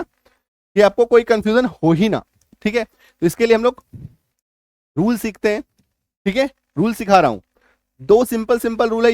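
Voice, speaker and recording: A man's voice: high-pitched, dry recording, studio quality. A man teaching an English spelling lesson, often repeating points and checking if the class understands.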